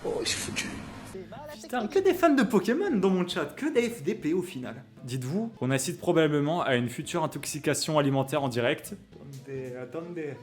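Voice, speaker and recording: Excitable young man streaming a cooking session. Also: on the high side, brisk. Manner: excitable, jokey, reads chat aloud. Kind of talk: live-stream cooking chat. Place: home kitchen. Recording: faint music behind.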